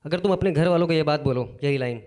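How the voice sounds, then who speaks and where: Young male stand-up comic, mellow tone, casual animated storyteller who acts out dialogue. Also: a little high, fast talker. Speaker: stand-up comedian. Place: live comedy stage.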